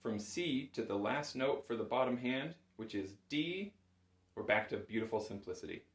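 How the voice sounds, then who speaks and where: An animated male instructor leads a casual chanter lesson step by step, speaking at a normal pace in a mid-range voice. He stays patient and encouraging, and the small indoor music room at home gives a roomy, echoing sound.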